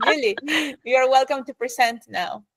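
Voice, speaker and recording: Higher-voiced woman moderating an online talk. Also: normal speed, fairly bright tone. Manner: polite, informal, with laughs and restarts. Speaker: webinar moderator.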